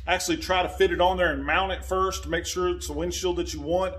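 A man in his forties who vlogs about motorcycles explains how to install a windshield in his garage, talking plainly as he works and wandering off from the phone camera and mic. He talks fast, in a high-pitched, steady, fairly bright voice.

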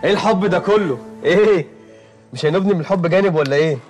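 An actor as a cheerful, teasing Egyptian son. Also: male voice, high-pitched, faint music behind, lightly acted. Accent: Egyptian Arabic. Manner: warm, teasing, quick. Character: cheerful young son, aspiring singer. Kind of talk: Egyptian TV drama.

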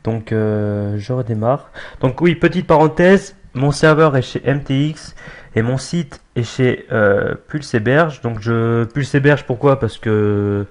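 A young man giving a casual screen-recorded software tutorial, hesitant, with many fillers and restarts. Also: medium pitch, slow pace. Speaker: tutorial maker.

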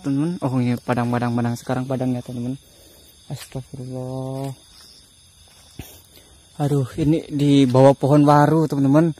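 A man's voice: mid-range voice, mellow. A man filming a ghost hunt outdoors at night, nervously muttering prayers and talking to an unseen spirit. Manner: jittery, repeats prayers under his breath, talks to unseen ghost. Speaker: ghost-hunting vlogger. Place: outdoors at night among trees.

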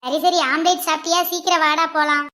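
A village mother scolds her son and wails over him, played by a woman. Her voice is very high and bright. It is a comic skit. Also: little pitch movement, fast talker. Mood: grumbling. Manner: scolding, wailing. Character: loud fussing village mother.

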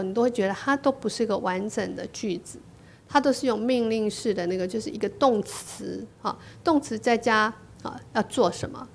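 A woman teaching an English lesson in a chatty, repetitive classroom manner, often tacking a drawn-out "ha" onto her phrases and saying lines slowly for listeners to repeat. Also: a little high, creaky.

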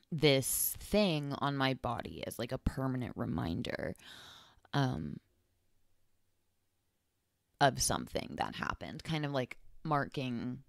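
Really low voiced young woman from texas, slow rambly podcast talk, lots of likes and ums. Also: gravelly, no room sound, clean studio sound. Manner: rambling, lots of fillers and self-corrections. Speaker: podcast host. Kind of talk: casual solo podcast monologue.

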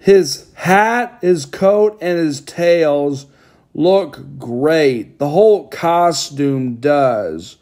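Slow-talking young man, blunt film reviewer. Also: fairly high pitch, darkish tone. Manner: blunt, complaining, opinionated. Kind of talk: casual film review commentary.

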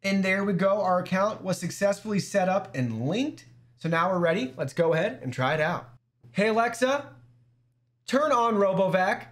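A man with a somewhat high-pitched voice reviews a gadget in a loose, easygoing way. He walks through menus step by step and talks straight to his viewers. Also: brisk. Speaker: product reviewer. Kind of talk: casual app walkthrough demo.

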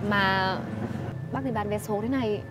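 An actress playing a kind young woman who owns a noodle shop, speaking gently and politely. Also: mid-range voice, normal speed, natural voice. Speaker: actress in web drama. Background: music.

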